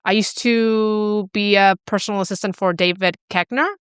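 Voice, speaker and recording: A woman's voice: medium pitch, normal speed, clear, resonant tone, dry recording, clean studio sound. A young woman from Chile, a clinic client care specialist, chatting casually in an interview with lots of fillers. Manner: relaxed, chatty, many fillers like "like" and "you know".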